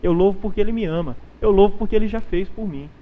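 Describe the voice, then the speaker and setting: A man with a high voice talks quickly and emphatically as a pastor on a faith panel. He preaches his points and acts out the prayers he quotes. The sound is dull and lo-fi.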